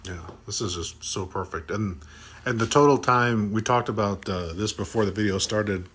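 This middle-aged host's voice runs on the low side, fairly bright with a breathy edge, moving at a moderate pace. He's recording a lively podcast chat from an office meeting room, speaking into a desk mic with a cheerful, teasing manner.

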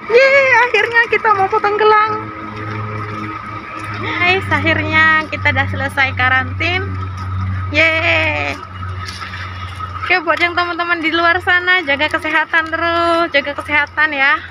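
In a crowded indoor stadium, a young woman vlogs on a phone held at arm's length, chatting casually with viewers she calls "guys." Her voice is very high and a little slow, with long pauses and background noise behind it.

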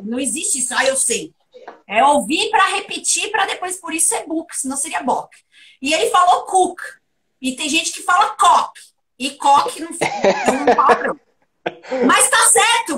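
A woman giving a private English lesson, lively and playful as she runs question drills. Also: very high-pitched, recorded from a distance. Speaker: English teacher.

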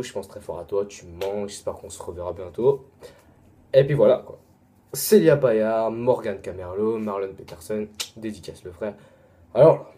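A young vlogger with a French accent and medium pitch rattles off a long list of names in a casual shout-out video, tossing in quick asides and apologies.

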